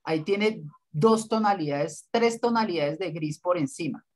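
A man's voice: high-pitched, unhurried. Man, design teacher, lecturing and correcting bluntly, no-nonsense. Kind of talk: online class feedback.

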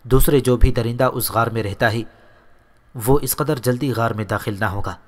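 A man's voice: medium pitch, natural voice. A man doing a firm young warrior. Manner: firm, commanding. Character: brave young male warrior, calm protector.

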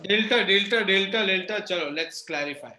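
A man's voice: high-pitched, brisk, sharp tone. A man with a North Indian accent teaching an interactive lesson, mixing Hindi phrases into English and often checking that students follow. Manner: repeatedly checks understanding with short questions. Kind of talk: interactive online reasoning lesson. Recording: roomy echo on the voice.

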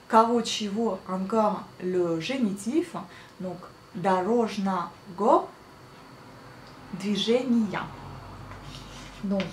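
A woman teaching a casual spoken lesson, slowly repeating each word with care while she writes on a small slate. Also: mid-range voice, slight background noise. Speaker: Russian language teacher. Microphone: writes on a small slate while talking. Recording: echoey room, faint ambience.

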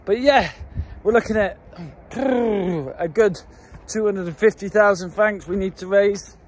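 A farm owner in his forties, voice fairly high and unhurried, chats into an arm's-length phone while touring his mountain farm. Most of it is outdoors, with part in a wooden kitchen. The loose, rambling talk is full of fillers and restarts, and a faint hiss sits behind him.

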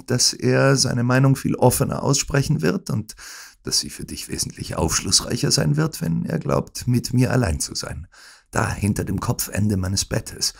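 A man's voice: mid-range voice, animated, normal speed, pitched above the performer's own voice, full character voice. Man voicing a feverish dying detective. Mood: urgent. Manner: weak, breathy, urgent orders. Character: gravely ill male detective, feverish yet commanding. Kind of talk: audiobook acting.

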